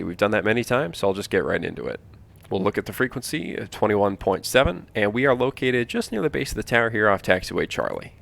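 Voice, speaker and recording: A man's voice: lowish voice, creaky, a bit bright. A man giving an informal instructional walkthrough as a flight trainer, explaining each step and repeating key points for emphasis.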